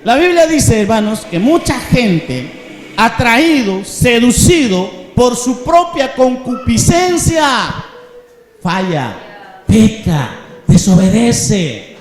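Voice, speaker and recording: High-voiced man preaching in an echoing hall. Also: sing-song, takes it slowly. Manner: emphatic, rising to shouts. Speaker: pastor. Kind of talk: sermon. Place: church hall. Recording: echoey church hall.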